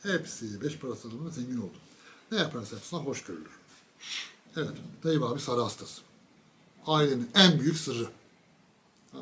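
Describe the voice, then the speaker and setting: A man giving a casual political monologue, mocking and ranting, with sudden loud bursts and low asides. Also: lively intonation, normal speed, pauses often, a little hiss or hum. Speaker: political commentator.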